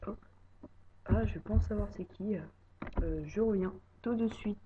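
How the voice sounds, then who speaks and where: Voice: medium pitch, measured pace. A French-speaking gamer casually walking viewers through a building project, talking hesitantly with many filler words. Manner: hesitant, filler-heavy, many "voilà" and "euh". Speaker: YouTuber showing a building project. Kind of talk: casual game walkthrough commentary. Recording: dull lo-fi mic with steady noise.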